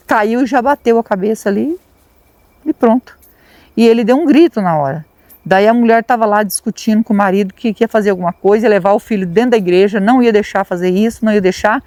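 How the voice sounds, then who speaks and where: A woman's voice: medium pitch, darkish tone, dry recording. Chatty Brazilian woman telling a legend. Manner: chatty, repeats words for emphasis. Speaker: paranormal vlogger. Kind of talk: retelling a local legend. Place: outdoors at a rural site at dusk.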